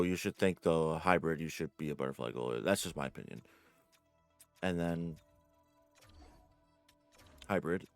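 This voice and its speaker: A man's voice: low voice, clean tone, no echo. A man giving a casual, rambling game tutorial from home, often correcting himself and filling gaps with "like" and "uh". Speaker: gaming guide creator. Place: home room.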